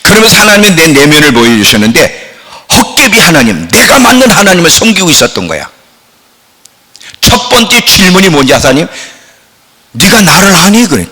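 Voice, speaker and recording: A middle-aged man preaching a sermon as a pastor, swinging between loud outcries and hushed asides. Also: on the high side, big pitch swings, fairly quick, breathy edge. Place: church sanctuary. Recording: long church hall reverb.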